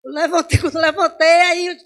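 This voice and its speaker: High-voiced woman teacher. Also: flat delivery, brisk. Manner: conversational, asks the class questions, swings between loud and soft. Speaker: Sunday school Bible teacher. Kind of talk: informal Bible class teaching with personal stories. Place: church.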